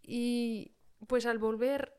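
A woman's voice: on the high side, steady tone, drawn-out words, smooth. A woman, a podcast co-host telling a personal story in a casual, hesitant way with many fillers.

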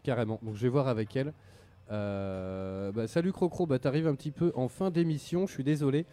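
A man's voice: medium pitch, brisk, mellow. A man hosting a casual radio show about video games, slangy and rambling with lots of fillers. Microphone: studio microphone.

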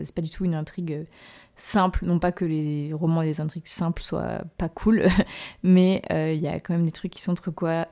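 Warm and low-voiced, this podcast host and novelist chats on her own in a casual, hesitant way. She's chatty and self-mocking, laughs at herself, and fills her speech with "euh" and restarts.

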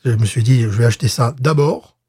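A man's voice: mid-range voice, a little fast, warm tone, husky. A man co-hosting a casual beer-tasting podcast chat, talking hesitantly with frequent restarts and fillers. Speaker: podcast co-host.

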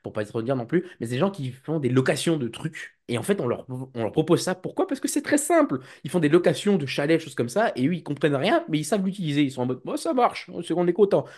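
A man's voice: on the high side, very animated, quick pace, few pauses, darkish tone. A man working in IT and cybersecurity, talking casually on a podcast, rambling and acting out little scenes. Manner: rambling, with restarts and playful acted quotes. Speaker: IT and cybersecurity guest.

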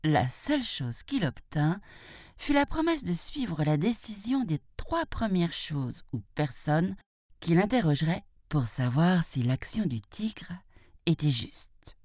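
A woman reading a children's story aloud in an expressive storytelling manner, close to the mic. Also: low voice, no room sound.

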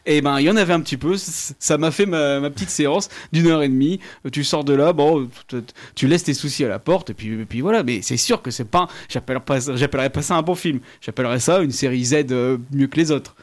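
A male film critic in relaxed conversation, his speech loose and rambling. His voice sits a little high. He stops and restarts often as he talks. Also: a little fast, few pauses. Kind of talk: casual film review chat.

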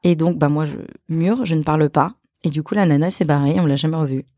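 A woman, an actress and author, telling a personal story as a podcast guest, halting and repeating her phrases. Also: low-pitched, warm tone, dry recording, studio quality.

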